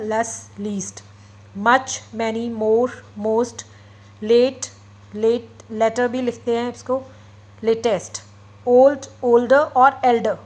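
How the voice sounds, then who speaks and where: A woman's voice: high-pitched, low-quality recording. Female teacher explaining grammar step by step. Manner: explains step by step, often checks with "ठीक है" and "okay"; mixes English terms into Hindi. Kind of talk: classroom lecture.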